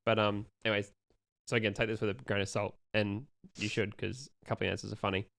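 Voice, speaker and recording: A young man, talking in a rambling, easygoing way full of ums and restarts. His voice sits low and comes through smooth and clear. The sound is close and dry, with no room around it. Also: level tone, quick pace, fairly bright tone, dry recording. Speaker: podcast co-host asking questions. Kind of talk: casual chat.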